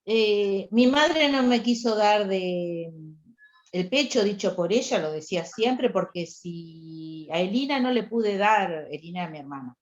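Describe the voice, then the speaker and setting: A woman's voice: mid-range voice, animated, measured pace, lo-fi sound. A woman with a Rioplatense Spanish accent, a participant in a class, candidly and bluntly sharing personal memories. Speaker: workshop participant.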